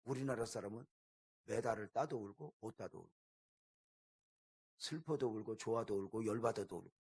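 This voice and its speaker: Husky-voiced Korean pastor preaching a sermon. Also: male voice, fairly low pitch, brisk. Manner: storytelling, swinging from loud bursts to hushed quoted lines. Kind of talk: revival sermon.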